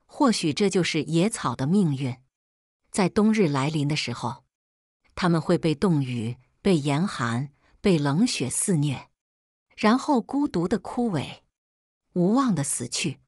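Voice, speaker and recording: A woman narrating a dramatic family story in an expressive, emotional way. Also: deep voice, measured pace, slightly rough, dry recording, studio quality.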